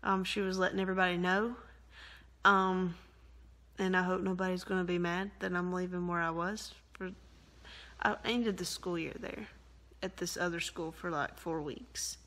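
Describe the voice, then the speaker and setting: A woman's voice: on the low side, steady tone, moderate pace, fairly bright tone, rough recording. A young woman chatting casually in her kitchen for a vlog, rambling and poking fun at herself. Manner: chatty and rambling, self-mocking, laughs often. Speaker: vlogger. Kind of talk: casual chat. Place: home kitchen.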